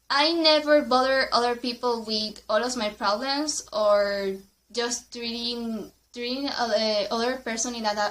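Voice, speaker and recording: Woman, storytime vlog, slow halting speech, frequent giggles, non-native English, bright voice. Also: on the high side, a little hiss or hum. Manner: halting, self-correcting, giggly, speaking English as a second language. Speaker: vlogger. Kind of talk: casual storytime.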